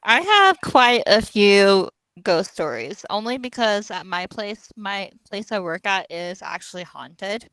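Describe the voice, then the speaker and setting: A woman's voice: mid-range voice, lively intonation, measured pace, few pauses, a bit bright, no echo, poor audio. A young woman with a mid-range voice co-hosts a casual podcast while tired after a long day. She giggles and yawns, and her talk stays playful. The recording is dry and close. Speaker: podcast co-host. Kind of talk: casual chat.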